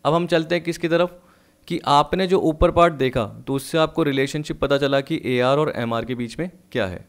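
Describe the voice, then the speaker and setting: A man teaching an economics lesson, explaining step by step and slowly reading out textbook lines in English. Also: medium pitch, smooth. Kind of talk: recorded online lesson.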